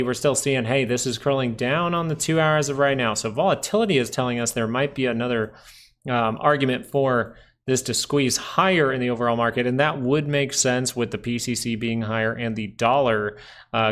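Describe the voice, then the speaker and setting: A man hosts a live market stream in a relaxed, conversational way. He keeps an easy mid-range voice and talks through the charts as though chatting with regular viewers. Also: mid-range voice. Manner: chatty, thinking aloud over charts. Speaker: stock market livestream host. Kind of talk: casual live market commentary.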